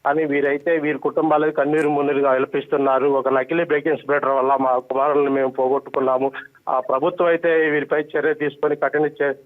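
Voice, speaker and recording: A male news correspondent giving a live report, halting with frequent filler sounds. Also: mid-range voice. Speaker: special correspondent. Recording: tinny phone line.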